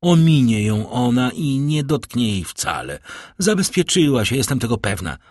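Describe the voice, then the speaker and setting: A man's voice: mid-range voice, big pitch swings, normal speed, a little mellow, no echo, studio quality. A man voicing a proud, scornful young woman who defies her father, in an audiobook reading. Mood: haughty defiance. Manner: cold, haughty, defiant.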